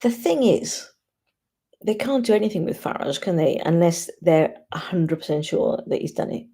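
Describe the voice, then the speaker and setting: Female livestream host, husky and heavy on vocal fry, opinionated, informal, thinking out loud. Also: lowish voice, animated, moderate pace. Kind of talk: casual chat to live commenters.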